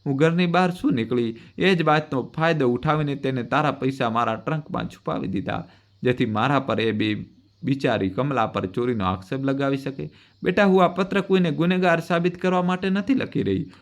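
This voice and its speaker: A man's voice: mid-range voice, moderate pace, natural voice. A man reading the farewell letter of a dying old mother in a tender, pleading tone. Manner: tender, pleading, gently reproachful.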